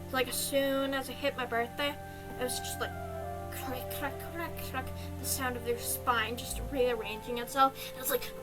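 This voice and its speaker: High-voiced rambling young woman streamer. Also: level tone, moderate pace, poor audio. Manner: rambling, with frequent ums and giggles. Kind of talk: casual chat giving advice. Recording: clear background music. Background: music.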